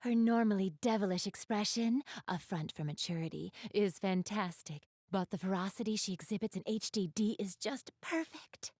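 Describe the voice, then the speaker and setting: A woman plays an elegant, doting big-sister goddess in a video game, addressing the listener directly in polite, formal, refined language and gushing over what she adores. Her medium-pitched, slightly mellow voice flows at normal speed with hardly any pauses, close to everyday speech, in a studio-quality recording with no room sound.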